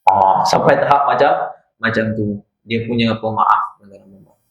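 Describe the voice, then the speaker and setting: A religious teacher with a fairly low voice and a Malaysian Malay accent speaks at normal speed during an evening lecture, narrating stories and addressing listeners with rhetorical asides. The recording, made in an echoey madrasah prayer hall, has its highs cut off.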